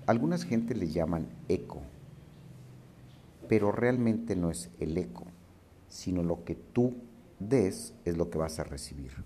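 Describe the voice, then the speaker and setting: A man voicing a calm father who patiently explains a life lesson to his son in a storybook parable. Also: low voice, slight background noise.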